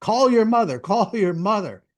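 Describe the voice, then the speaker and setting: Man doing angry shouting ex-husband, bullying, lively rising pitch. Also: normal speed. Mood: furious. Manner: shouting angrily. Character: enraged middle-aged man, bullying ex-husband.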